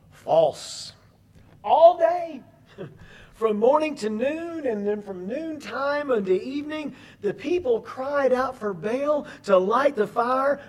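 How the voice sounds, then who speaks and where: A man's voice: extremely high pitch, darkish tone. A man preaching a sermon, reading scripture aloud and breaking off for chatty asides to his congregation. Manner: addresses the congregation as folks.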